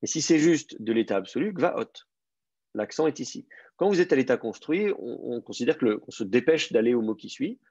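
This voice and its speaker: A man teaching Hebrew in an online class, explaining patiently and repeating key words slowly. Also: medium pitch, expressive, a little mellow, dry recording, lo-fi sound.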